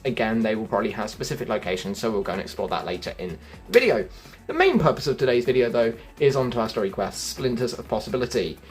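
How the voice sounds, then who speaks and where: Talking viewers through a game walkthrough, the medium-pitched host of a gaming channel keeps things chatty, calling his audience guys and folks.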